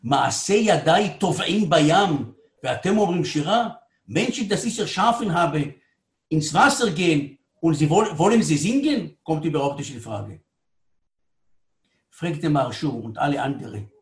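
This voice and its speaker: Man, storyteller, animated, high voice, echoey room, hushed to near-shouting. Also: fast. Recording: roomy echo.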